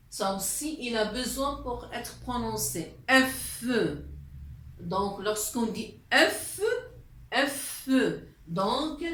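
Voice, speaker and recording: Woman teacher for a beginner lesson; unhurried, repetitive delivery, slightly high, roomy echo. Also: sharp tone. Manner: patient, repetitive, hesitant with fillers. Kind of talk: classroom lesson explaining letters. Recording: echoey room.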